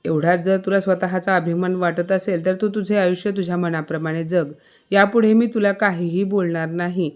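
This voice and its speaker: A woman's voice: fairly low pitch, fairly even intonation, normal speed, a little mellow, close to an everyday voice. Woman voicing a weary old father. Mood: pleading.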